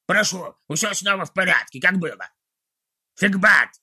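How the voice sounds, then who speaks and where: A man voicing a cruel, short-tempered goblin warlord who barks and rants orders in a shrill, gravelly voice. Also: animated, a little slow, bright, forceful tone, full character voice. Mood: irritated. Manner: barking, ranting orders.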